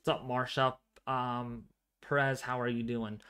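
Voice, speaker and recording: A man hosts a live severe weather stream, commenting and chatting with viewers. His mid-range voice is quiet yet clear, calm and fairly monotone, and he keeps a measured pace.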